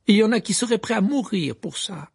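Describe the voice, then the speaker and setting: A proud young student, as a male reader puts her on speaks high and loud. She is exasperated and shrill. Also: lively intonation, brisk, vocal fry, husky, exaggerated voice. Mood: indignant.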